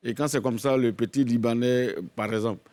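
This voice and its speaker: A man on a jury gives a contestant direct, firm advice. His voice sits at an ordinary pitch, and the sound is close and dry. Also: steady tone, brisk, darkish tone, dry recording. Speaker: jury member. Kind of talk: spoken critique of a contestant.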